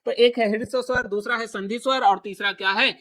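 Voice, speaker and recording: A man's voice: very high-pitched, fairly even intonation, a little fast, bright, forceful tone. Male teacher quizzing his class. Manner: quizzing students, repeating each answer back. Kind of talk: classroom grammar lesson. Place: classroom with students present.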